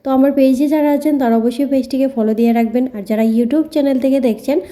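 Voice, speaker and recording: A woman's voice: high voice, rapid-fire, dark tone. A woman narrating her home cooking in a chatty recipe voice-over, with a filler phrase she repeats often. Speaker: cooking vlogger.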